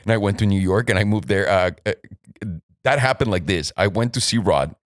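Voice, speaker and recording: A man's voice: on the low side, a little fast, dry recording, clean studio sound. A man from Mexico co-hosting a podcast, telling stories candidly and swearing freely. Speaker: podcast co-host. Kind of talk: casual podcast chat.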